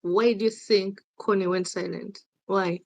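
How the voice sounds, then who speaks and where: In this interview, a Ugandan activist guest speaks at a medium pitch with fairly even intonation, unhurried and gravelly yet a little mellow. Switching between English and Luganda, she insists on her points and repeats them emphatically.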